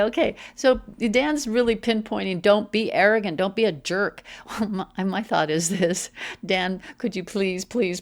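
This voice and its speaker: A woman hosting a political commentary show, reading posts aloud and breaking into animated, exasperated asides. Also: mid-range voice.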